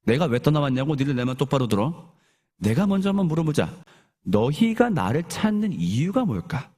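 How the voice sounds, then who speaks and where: A man's voice: on the high side, big pitch swings, a little fast, dark tone. A male pastor acting out Jesus in a sermon as an exasperated grown man who speaks bluntly and casually to his followers. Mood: stern.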